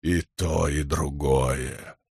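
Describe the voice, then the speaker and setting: A man voicing an ancient, cold male storm god in an audiobook, with a grave, rumbling delivery. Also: steady tone, very slow, a little mellow, husky, dry recording, studio quality, heavily acted.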